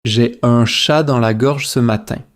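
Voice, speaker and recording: Phrase by phrase, a male teacher reads language drills for shadowing practice, measured and repetitive, in a mid-range voice.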